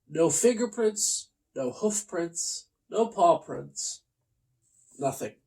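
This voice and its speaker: Speaking at a medium pitch, the host performs a funny children's storybook with exaggerated mock seriousness, pausing deliberately for effect in a theatrical reading.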